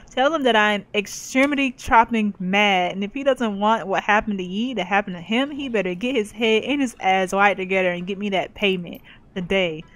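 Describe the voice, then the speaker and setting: A woman's voice: mid-range voice, rough recording. A woman playing a role-playing game, reading its narration and every character's lines aloud in her own voice and adding playful asides. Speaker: gaming YouTuber reading game dialogue aloud. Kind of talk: let's play commentary and reading.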